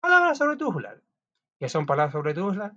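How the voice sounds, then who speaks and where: A man's voice: high-pitched, wildly swooping pitch, fast, sharp tone. A man teaching a class, reading out notes in a chatty way with frequent restarts and small asides. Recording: dull lo-fi recording.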